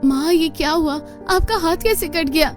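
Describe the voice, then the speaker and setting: Sweet hardworking cartoon girl, high voice, earnest, faint music behind. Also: moderate pace. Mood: caring. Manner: earnest, gentle, pleading. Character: hardworking, kind, poor young woman. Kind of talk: cartoon voice acting.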